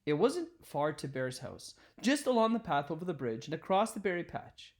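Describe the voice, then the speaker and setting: Reading a children's picture book aloud, a man uses an expressive, deliberate storytelling style. His pitch is fairly high.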